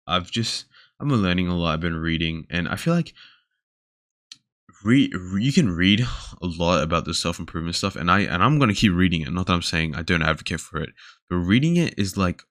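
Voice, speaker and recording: A man's voice: low-pitched, fairly bright tone, no echo, clean studio sound. A young Australian man hosting a casual solo podcast, rambling with lots of fillers and trailing off mid-thought. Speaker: podcast host. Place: indoors talking alone to a camera.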